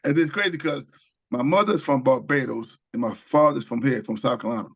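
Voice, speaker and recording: An author and screenwriter from Queens, New York, speaks as an interview guest, rambling through stories with lots of ums and restarts. His voice sits at a medium pitch with some vocal fry, and he talks a little fast in this casual storytelling.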